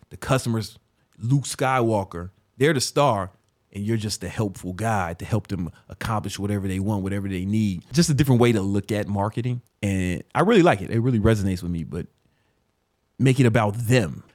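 A man in his thirties, hosting a casual talk ranking business books, swearing freely and telling stories with animated, self-mocking laughs. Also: lowish voice, normal speed, no room sound, studio quality. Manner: profane, loose and streetwise; animated storyteller who laughs at himself.

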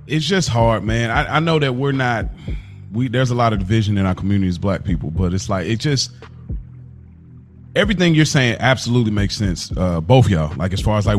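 A man with a lowish voice sits on a podcast panel, offering impassioned opinions. He talks in informal slang and repeats himself for emphasis.

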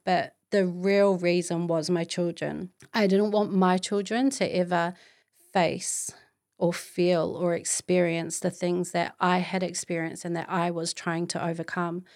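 A woman's voice: fairly low pitch, level tone, a little slow, darkish tone. A middle-aged woman with a Māori New Zealand accent, hosting a podcast as an earnest, encouraging motivational monologue. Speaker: podcast host.

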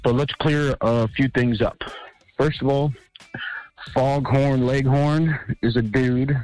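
A man's voice: medium pitch, steady tone, slow pace, darkish tone, no echo, low-quality recording. A man leaving a teasing voicemail message for a radio show, as a caller who corrects the hosts with mock authority. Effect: played-back voicemail message. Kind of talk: casual phoned-in message. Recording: dry voicemail recording.

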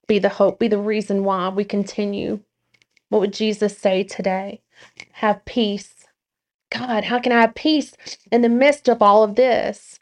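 A woman in the guest chair on a podcast, talking about faith with passion and force. Her voice sits at a middling pitch. She is blunt and emphatic, and now and then she swears to hammer a point home. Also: darkish tone. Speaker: guest, nurse and social media creator. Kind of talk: impassioned spiritual talk.

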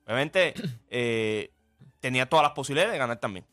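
A man on a sports talk panel, animated, acting out little scenes as he talks. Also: mid-range voice, brisk. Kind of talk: casual sports debate.

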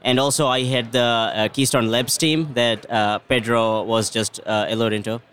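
A man who manages technology operations, answering interview questions in an earnest, steady way with fillers. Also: mid-range voice, moderate pace, slight background noise.

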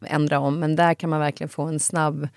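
Female host, lowish voice, casual lively storytelling, dry close mic. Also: no echo. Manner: lively storyteller, animated when quoting others. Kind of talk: casual conversation.

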